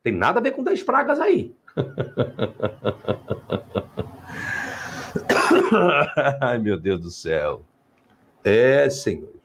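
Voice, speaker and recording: A middle-aged Brazilian man hosting a livestream lecture, speaking emphatically, firing rhetorical questions at his viewers and chiding them, and slowing down when he reads out his sources. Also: mid-range voice, huge pitch swings, slight background noise. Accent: Brazilian Portuguese. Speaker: online teacher and channel host.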